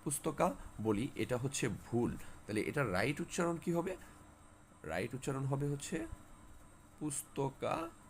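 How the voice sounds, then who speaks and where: Giving a spelling lesson to exam students, a medium-pitched man speaks a little fast with lively intonation and long pauses. He repeats key words often and answers his own questions, with slight noise in the background.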